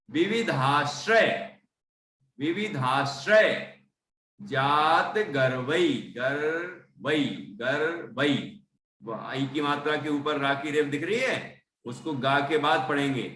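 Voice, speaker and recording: Man slowly chanting and teaching verses. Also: on the high side, pushed and bright. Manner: chants verses slowly, then explains pronunciation and meaning; frequent "theek hai" checks with listeners. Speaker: Jain scripture teacher. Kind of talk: recitation and line-by-line teaching. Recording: echoey room, voice from a distance, faint background noise.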